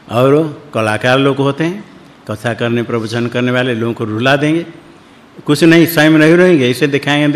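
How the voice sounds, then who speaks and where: A man teaching scripture, talking in loose, repetitive phrases and reciting Sanskrit verses. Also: medium pitch. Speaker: spiritual teacher. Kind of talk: scripture discourse in Hindi. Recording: long hall reverb.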